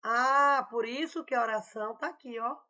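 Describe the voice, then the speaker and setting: Woman teacher, chatty, explaining grammar, bit high voice, keeps asking if everyone's following. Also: normal speed, bright, forceful tone. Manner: chatty, explanatory, often adding "né?" and "tá, gente?". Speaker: Portuguese teacher. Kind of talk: online grammar lesson.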